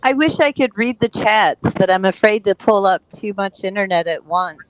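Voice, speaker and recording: A woman's voice: medium pitch, animated, normal speed, no room sound, poor audio. A woman in her fifties co-hosting a casual livestream, teasing her co-host and chatting freely. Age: 50s. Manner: teasing, chatty, laughs readily. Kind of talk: casual live chat.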